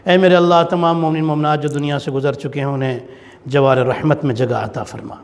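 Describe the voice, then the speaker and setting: A man's voice: fairly high pitch, fairly even intonation. A man leading a mourning gathering, preaching with passion and rising into a wailing chant. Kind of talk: Urdu majlis sermon with mourning recitation. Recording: long hall reverb.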